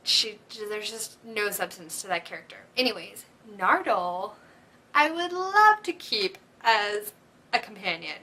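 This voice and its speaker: A woman hosting a vlog, chatting casually and excitedly, with frequent giggles and gushing asides. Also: mid-range voice, measured pace. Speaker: vlog host. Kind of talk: casual fan chat.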